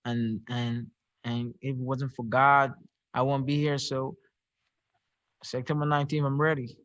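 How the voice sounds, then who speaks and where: A young Barbadian professional boxer answers reporters on a video press call, speaking flat and even in pitch. He's halting, hesitating and repeating words as he searches for each answer. The audio is dry, a bit dull and echo-free, like a home setup.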